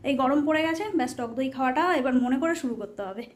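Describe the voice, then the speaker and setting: A woman in her thirties, hoarse from a cold, chatting casually to viewers as a family vlogger at home. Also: high voice, fast talker, darkish tone, a little hiss or hum. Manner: chatty, talks to viewers as friends. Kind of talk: casual chat to camera.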